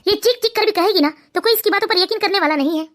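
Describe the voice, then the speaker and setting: A woman's voice: very high-pitched, racing, a bit bright. A woman voicing a smug, mocking young son-in-law in a cartoon family story. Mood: sneering.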